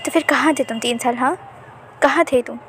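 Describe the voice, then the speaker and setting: A woman's voice: high voice, brisk, a bit bright, a little hiss or hum. Woman doing a stern scolding mother. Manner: reproachful, questioning.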